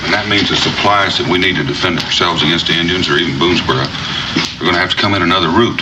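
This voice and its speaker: A deep, measured frontier leader, played by a man in a 1960s TV western, decisive and plainspoken. The voice sits away from the mic in a very noisy old soundtrack. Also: distant mic, natural voice. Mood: calm, resolute. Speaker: actor.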